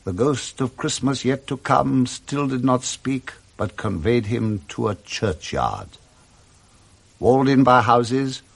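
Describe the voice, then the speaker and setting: A British-accented man narrates a Victorian ghost story in a deliberate, theatrical radio-drama style. His voice is medium-pitched, gravelly, and exaggerated.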